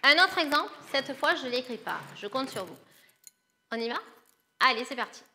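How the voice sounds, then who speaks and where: A woman teaching young children, patiently explaining each step of a grammar rule in an encouraging, bright tone. Her voice sits a little high, and there is a faint hiss behind it. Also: lively intonation, normal speed. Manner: patient, explains step by step, calls pupils "les loulous". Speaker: primary school teacher.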